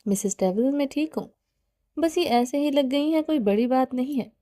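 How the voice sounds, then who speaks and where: A woman's voice: sits high, dark tone, lightly acted. A woman reading the part of a scared, evasive young woman who pleads and refuses to answer.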